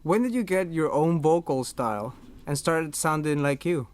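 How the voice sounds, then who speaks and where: A man's voice: fairly high pitch, normal speed. A man asking questions as an interviewer.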